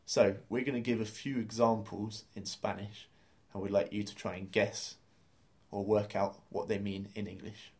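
Male lesson host, fairly low voice, upbeat explainer who laughs easily. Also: level tone, moderate pace, a little mellow. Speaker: language course host.

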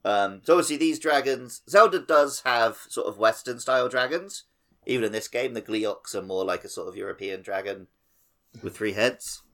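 In a casual podcast about mythology and games, this male co-host explains things in a loose, rambling manner. He has a mid-range, slightly bright voice and keeps a moderate pace.

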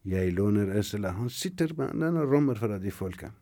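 A man from Iran with an Iranian accent, telling a folktale in an animated, dramatic way with shifting voices. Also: on the low side, no room sound, studio quality. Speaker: storyteller. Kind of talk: oral folktale storytelling.

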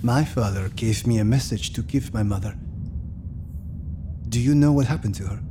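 In an audio drama, an actor plays a reflective, solemn man in his eighties who recalls his childhood, haunted by memories of his father. His natural voice is medium-pitched and moderately paced. Music plays under him along with some background noise.

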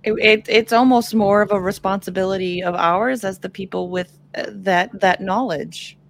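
A woman's voice: mid-range voice, fairly even intonation, moderate pace, gravelly. A woman playing a tabletop game, hesitant and full of fillers. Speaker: player. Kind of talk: tabletop role-play chat.

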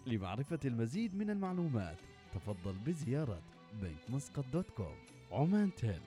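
A man's voice: mid-range voice, warm tone. A man reading a scripted infomercial-style advertisement as a sponsor announcer.

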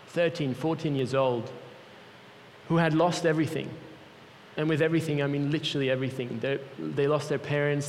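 A young Swiss man with a Swiss accent, his voice on the high side, delivers an earnest, personal sermon as a guest speaker for a mission group. He is in a large church hall, and the recording carries that space's long reverb along with a little hiss or hum.

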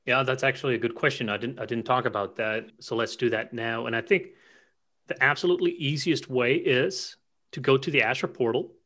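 Bright, eager man explaining tech. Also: mid-range voice. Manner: enthusiastic, rapid-fire explainer. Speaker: cloud security expert guest. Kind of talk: technical explanation in conversation.

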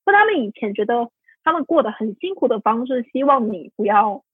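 A woman tells her story in a rambling, heartfelt way, full of fillers and restarts. Her voice is husky and a touch high. It comes through a narrow, phone-like line with no room sound. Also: sing-song, fairly quick, dry recording. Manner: rambling, many fillers and self-corrections, emotional. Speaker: podcast guest. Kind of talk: candid personal storytelling. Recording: tinny phone-like line, dry.

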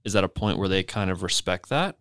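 A man's voice: sits low, animated, fairly quick, a bit bright, clean tone, dry recording, clean studio sound. An eighteen-year-old man in college, talking earnestly and a little hesitantly in a casual family podcast chat. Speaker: podcast guest, son.

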